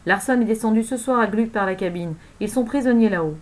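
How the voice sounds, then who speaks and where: A woman's voice: fairly high pitch, brisk, natural voice, low-quality recording. A woman voicing a brave, stubborn girl in danger who cries out urgently in a read-aloud story.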